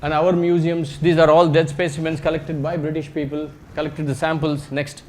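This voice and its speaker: A man's voice: a little high, little pitch movement, normal speed. A man with an Indian accent tells anecdotes in a conversational, joking way as a researcher giving a public slide talk, in short phrases with tag questions. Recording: live talk with background noise.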